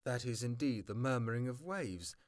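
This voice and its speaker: Here a hobbyist man reads a novel for an amateur audiobook, medium in pitch, expressive, at normal speed. Words trip him up often, so he restarts and corrects them, occasionally commenting on the text as well.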